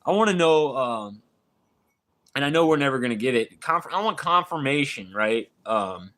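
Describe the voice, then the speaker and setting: A man livestreaming in a casual, rambling way, excitable and swearing often, with lots of dude and bro. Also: mid-range voice, normal speed. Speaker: live streamer.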